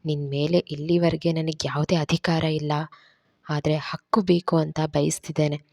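A remorseful young lover speaks in a low, hushed, pleading voice, as a woman reader puts him on. The sound is dry and close. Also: level tone, moderate pace, no echo, natural voice. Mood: tender. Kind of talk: dramatized story reading.

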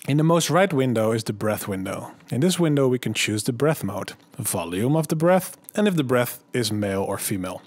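A man narrating a software tutorial voice-over, calmly walking through each click and setting step by step. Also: medium pitch, a little fast, hardly any pauses, slightly rough, no room sound. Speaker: tutorial host.

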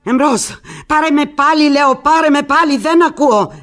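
With a high-pitched, slightly bright voice, an actress performs a radio monologue as a lovelorn, anguished woman alone on the phone. She frets and pleads, answering haltingly, in a frantic, pleading mood.

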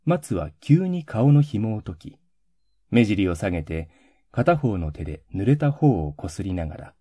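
Deep, husky male storybook narrator. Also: sing-song, unhurried, dark tone, dry recording, studio quality. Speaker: voice actor narrator.

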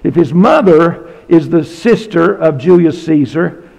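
A man's voice: a little high, expressive, a little slow, gravelly, a little mellow, husky, in a large hall, low-quality recording. A man preaching a sermon in a church as pastor, emphatic and folksy, repeating key phrases and dropping asides to his congregation. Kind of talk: sermon with prayer. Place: church sanctuary.

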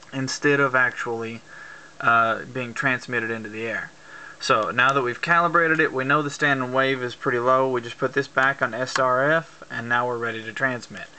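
An amateur instructor gives a plain, step-by-step, informal hands-on tutorial on using a CB radio. His medium-pitched voice sounds pushed and bright on a rough recording made with an amateur camera, with faint background noise and clicks.

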